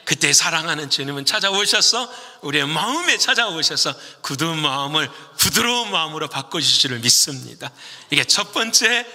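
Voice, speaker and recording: A man preaching a sermon as a pastor, asking the congregation questions and answering them, moving from loud exhortation to hushed whispers. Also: a little high, in a large hall.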